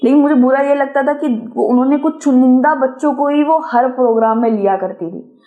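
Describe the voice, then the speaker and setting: A woman's voice: high voice, fairly quick, narrow, tinny audio. Chatty young woman teacher. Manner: chatty, addresses viewers as guys, mixes English terms, personal anecdotes. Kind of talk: casual exam-prep lesson.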